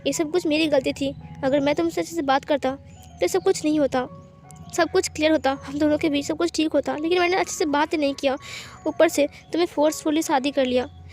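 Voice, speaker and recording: A pleading young husband in an audio story, apologetic and stammering when upset, voiced by a woman narrator. The voice sits high, with faint music behind it. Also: fairly even intonation, brisk, darkish tone, close to an everyday voice. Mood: remorseful. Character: young man, remorseful devoted husband, pleading.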